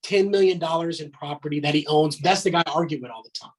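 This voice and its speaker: A man's voice: on the high side, fast, poor audio. A man in his thirties, a podcast guest, talking in a blunt, emphatic way, swearing and filling his talk with "man". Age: 30s. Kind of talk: casual podcast chat.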